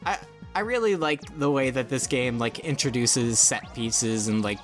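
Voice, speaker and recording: A man's voice: medium pitch, normal speed. A man giving casual, informal game commentary among friends, explaining things as he goes. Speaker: let's play co-host guiding the game. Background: video game music.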